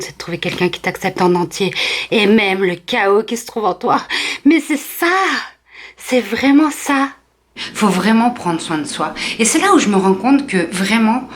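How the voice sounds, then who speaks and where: A woman's voice: medium pitch, a little hiss or hum. A woman comedian giving a chatty, teasing comic monologue straight to the viewer. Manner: chatty, direct address, teasing. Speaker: comedian vlogger.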